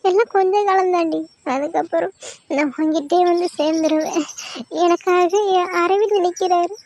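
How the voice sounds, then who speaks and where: A woman's voice: very high voice, fairly even intonation, moderate pace, darkish tone. A woman voicing Madhu, a grieving young wife who cries and pleads with her husband. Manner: pleading, distraught. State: crying. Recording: dull lo-fi sound.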